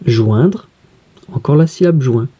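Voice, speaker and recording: A woman teacher guiding pupils through a reading workbook, spelling letters out slowly and carefully. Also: rumbling low, animated, dark tone, slightly rough.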